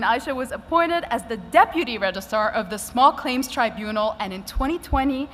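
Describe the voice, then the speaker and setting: A woman's voice: sits high, a bit bright. A woman giving a scripted podium speech as event host, with a formal, emphatic announcer delivery. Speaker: event host, master of ceremonies. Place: conference hall stage at an expo. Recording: echoey hall with clear background noise.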